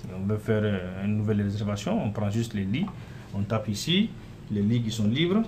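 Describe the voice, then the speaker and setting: A man with a fairly low voice talks through a software demo in a relaxed, unscripted way, filling pauses as he clicks from screen to screen. A faint background hum sits under his voice. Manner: casual, repeats "voilà" and "euh" while clicking through. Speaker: software developer demonstrating his app. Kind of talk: screen-recorded software walkthrough.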